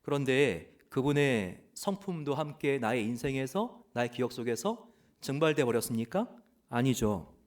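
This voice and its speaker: Earnest male pastor, lively pitch. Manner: earnest, frequent "uh" pauses, rhetorical questions. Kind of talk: sermon. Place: church.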